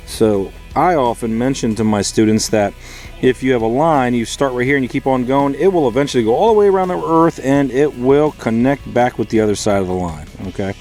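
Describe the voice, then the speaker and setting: An American fourth grade math teacher with a lowish, dark voice gives an informal lesson. He repeats the key points and asks questions to check understanding.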